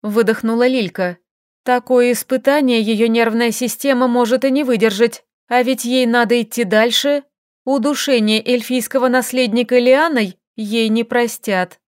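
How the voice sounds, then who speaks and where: Expressive woman reading an audiobook. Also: on the high side, normal speed, no room sound, clean studio sound. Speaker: audiobook reader. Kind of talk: scripted narration.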